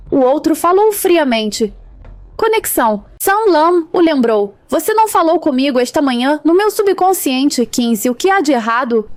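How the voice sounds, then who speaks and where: Female narrator with a high voice and a dry, close sound, reading a scripted recap in an even, flat manner. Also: dry recording.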